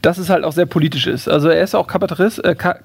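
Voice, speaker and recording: Man, casual book talk, lots of hesitant fillers, fairly high voice. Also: racing, creaky, slightly rough, dry recording. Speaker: book presenter.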